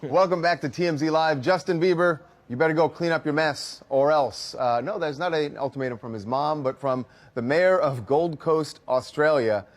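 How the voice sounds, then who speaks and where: A man hosting an entertainment news talk show with a brisk, jokey anchor delivery. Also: on the high side, faint music behind. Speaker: show host.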